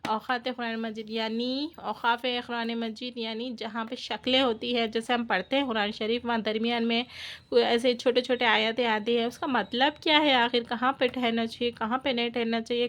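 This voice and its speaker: A woman explaining Quran reading marks in a casual lesson, slowly repeating and restarting her words. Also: fairly high pitch, fairly bright tone.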